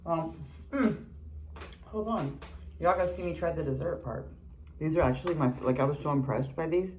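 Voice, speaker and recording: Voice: mid-range voice, normal speed, darkish tone, a little hiss or hum, low-quality recording. A mukbang vlogger in a casual eating video, chatting between bites with lots of chewing murmurs and candid, sweary remarks.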